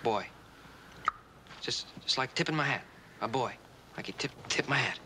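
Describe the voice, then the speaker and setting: A young actor playing a rancher who patiently coaches a deaf girl, repeating words slowly and gently in a 1960s TV western. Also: mid-range voice, lively intonation, slight background noise. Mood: patient coaxing. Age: young adult.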